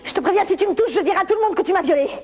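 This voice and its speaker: A woman's voice: very high voice, very fast, voice pushed up. A woman playing a naive, prim thirty-something woman who protests in flustered shrieks and giggles in a comic sketch monologue. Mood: protesting. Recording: noisy old VHS tape recording.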